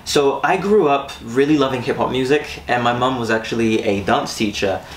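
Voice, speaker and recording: Relaxed young man, a bit off-mic in a roomy studio. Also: medium pitch, normal speed, far from the mic. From Switzerland. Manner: relaxed, reflective storyteller. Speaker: guest musician and producer. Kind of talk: casual interview. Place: music studio. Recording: roomy, off-mic with faint noise.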